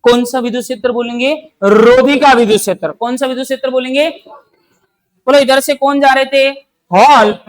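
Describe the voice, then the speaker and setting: Teaching a coaching class, a Rajasthani man poses questions, repeats them and supplies the answers himself, livening things up with playful analogies from daily life. He speaks at normal speed in an extremely high voice with fairly even intonation, over poor audio.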